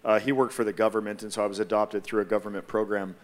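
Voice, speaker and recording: A man from Hawaii sharing a personal testimony on a church panel, speaking in a measured, reflective way with frequent pauses. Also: on the low side, level tone.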